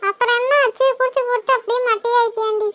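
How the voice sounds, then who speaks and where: Picture chatty, teasing village girls in a cartoon, all voiced by one woman. Their voices are very high and piercing. They banter bossily. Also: normal speed. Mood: gossiping. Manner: lively, teasing, bossy banter. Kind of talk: cartoon voice acting.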